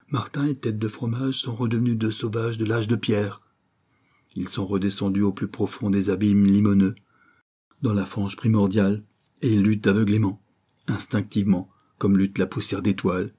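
A man's voice: fairly low pitch, dark tone, slightly rough. A man reading a novel aloud as an audiobook narrator, in an intense, dramatic delivery.

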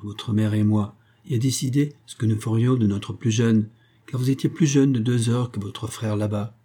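A man's voice: lowish voice, warm tone, breathy edge. A man reading a storybook aloud, voicing a cunning, spiteful old grandmother who coaxes and wheedles. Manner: wheedling, calls everyone dear.

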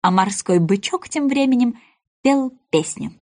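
A woman narrating a children's storybook aloud in a gentle, expressive manner. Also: on the high side, measured pace. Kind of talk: storybook reading.

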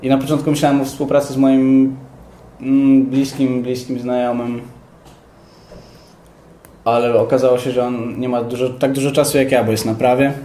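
A young man talks through his ideas in a relaxed, thoughtful interview, his voice mellow and soft-edged. The sound is roomy and echoey, with a faint hiss of noise underneath. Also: medium pitch, moderate pace, long pauses. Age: young adult. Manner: thoughtful, explanatory. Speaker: interviewee, rapper. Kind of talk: casual interview.

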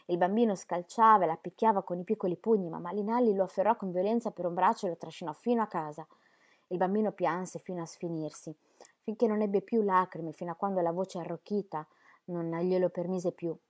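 A woman narrates a novel in a measured, expressive audiobook delivery. Her voice sits slightly low, with an even, unhurried pace. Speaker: audiobook reader.

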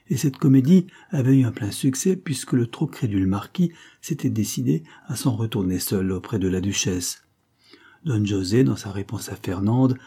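A man narrating a classic novel as an audiobook, with a measured, literary storytelling delivery. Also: medium pitch, dark tone, husky. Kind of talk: scripted narration.

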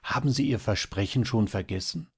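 A man voicing an earnest, mysterious young man who speaks softly and persuasively, in an audiobook reading. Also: lowish voice, fairly quick, breathy edge, pitched above the performer's own voice. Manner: soft, pleading, then serious.

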